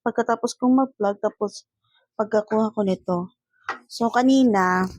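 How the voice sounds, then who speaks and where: A young woman with a Filipino accent chats casually to her viewers, slow and easygoing. Her voice is a little husky, picked up close on a phone lavalier mic. Roosters crow now and then behind her. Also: medium pitch, no echo, poor audio. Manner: chatty, mixes English and Filipino, talks to viewers directly. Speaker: vlogger testing a lavalier mic. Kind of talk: casual product-test vlog. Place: home with roosters crowing nearby. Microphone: lavalier plugged into a phone.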